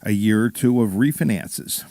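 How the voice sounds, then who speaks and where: A man's voice: lowish voice, normal speed, warm tone, no echo. A man on a radio talk show as a mortgage guest, giving short agreeable replies. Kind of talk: casual talk radio chat.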